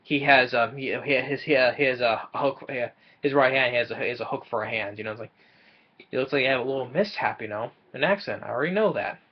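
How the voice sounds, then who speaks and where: A man's voice: mid-range voice, quick pace, husky, muffled recording. A young man casually recapping a film's plot from a small room, often stumbling and repeating words as he goes. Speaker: movie reviewer.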